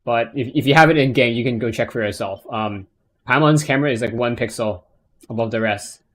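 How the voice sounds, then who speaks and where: A man's voice: medium pitch, fairly quick, a bit bright. A man doing casual live game commentary as a streamer, rambling and hesitant in an offhand way. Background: plucked guitar game music.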